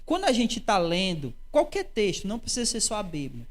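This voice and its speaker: A woman teaching a doctrinal Bible study, expressive and full of rhetorical questions. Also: medium pitch, brisk. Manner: expressive, acts out quoted lines, frequent rhetorical questions.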